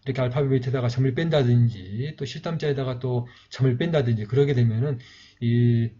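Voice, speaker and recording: Mellow-voiced man teaching script writing. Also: medium pitch, brisk, dull audio. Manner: calm step-by-step explaining with frequent fillers. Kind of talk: recorded writing lesson.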